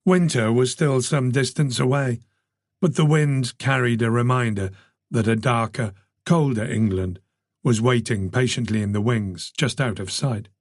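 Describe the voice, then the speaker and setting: Man reading a crime audiobook, mid pitch, measured, dry close mic. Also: no room sound. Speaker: audiobook narrator. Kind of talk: scripted narration.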